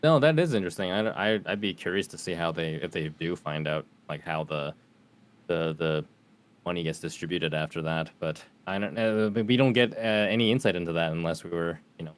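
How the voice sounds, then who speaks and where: A man's voice: low voice, brisk. A man guesting on a podcast, chatting in a laid-back way, laughing often and stammering on restarts. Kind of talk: casual chat.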